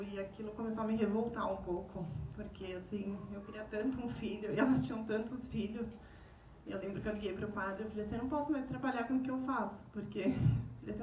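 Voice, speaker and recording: A woman's voice: medium pitch, slight background noise. A woman in her thirties from Brazil giving an earnest personal faith testimony, often retelling what she said to others. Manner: earnest, retelling dialogue with many "I said". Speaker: testimony speaker. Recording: echoey room, recorded from a distance.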